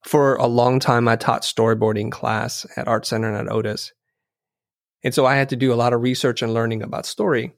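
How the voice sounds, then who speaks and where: In a clean studio recording with no room sound, a middle-aged Vietnamese-native man, a designer and teacher, shares reflective stories as an interview guest. He's earnest and thoughtful, frequently restarting sentences, with a brisk, gravelly, steady medium-pitched voice.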